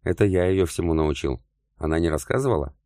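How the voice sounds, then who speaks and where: A man's voice: low voice, fairly quick, dark tone, no echo, clean studio sound, natural voice. A man reading an audiobook, voicing a mocking, arrogant male captive warlord who taunts his captor. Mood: taunting. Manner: taunting, sneering.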